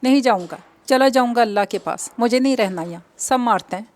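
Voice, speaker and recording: A woman's voice: a little high, fairly quick, a little mellow, natural voice. Woman voicing a childlike, tearful young man.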